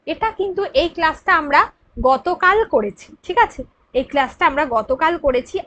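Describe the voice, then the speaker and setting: A woman's voice: sits high, fairly bright tone. A woman teacher with a Bengali accent explaining grammar for an exam, patient and checking in with her students. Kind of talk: exam prep grammar lesson.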